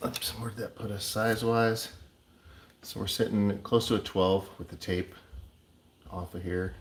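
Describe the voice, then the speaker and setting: Slow, low-voiced man narrating craft work. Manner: relaxed, chatty, plays with sound words. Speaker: coin ring maker. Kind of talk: casual workshop narration. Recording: echoey room with clear background noise.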